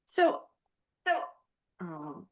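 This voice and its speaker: A woman's voice: drawn-out words, fairly bright tone. A woman, joining a conference call as a participant, her voice echoing back from a second device. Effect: echo from her second device doubling her voice. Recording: echoey distant call audio.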